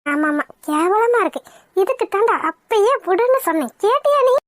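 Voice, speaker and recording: Woman voicing a sharp-tongued young village woman. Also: very high-pitched, animated, dry recording, clean studio sound. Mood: exasperated. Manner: scolding, quick retorts. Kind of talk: cartoon voice acting.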